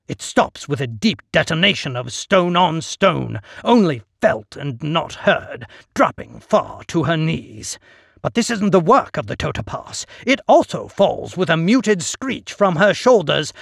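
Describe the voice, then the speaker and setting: Slow gravelly storyteller, big dramatic swings, dry close sound. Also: medium pitch, dry recording. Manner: theatrical, swings between hushed and loud. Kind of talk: dramatic first-person story narration.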